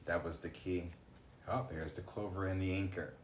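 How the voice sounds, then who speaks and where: A livestreamer in his late twenties reads cards, casually ranting, swearing, and exclaiming out of nowhere while thinking aloud. His deep voice holds a steady tone at a moderate pace. There's background noise along with the faint ambience of an echoey room.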